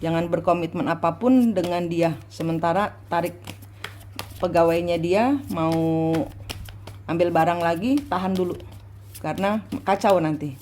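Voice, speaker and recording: A low-pitched woman gives a private tarot reading, speaking slowly and repeating her guidance. A faint hiss of noise sits under her voice. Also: a little mellow. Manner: slow, coaching, repeating instructions. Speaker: tarot reader.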